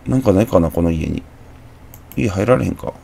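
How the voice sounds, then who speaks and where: This horror let's play features a young man with a Kansai accent who talks his way through the game, muttering and reacting with jumpy outbursts. His voice is low and warm with some vocal fry, expressive and a little fast.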